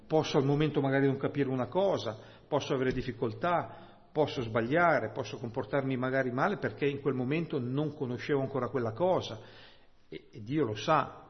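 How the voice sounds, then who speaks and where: A male preacher of ordinary pitch, unfolding a Bible passage with slow, weighty emphasis and frequent rhetorical asides to his congregation. The recording sounds dull and muffled, with a long church-hall reverb trailing behind his words. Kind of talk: sermon.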